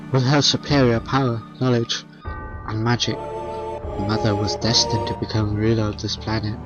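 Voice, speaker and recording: A man reading a video game villain's lines in a creepy, slow, menacing voice over game music. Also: fairly low pitch, lo-fi sound, natural voice. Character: creepy, arrogant male villain, self-proclaimed chosen one. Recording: game music playing behind.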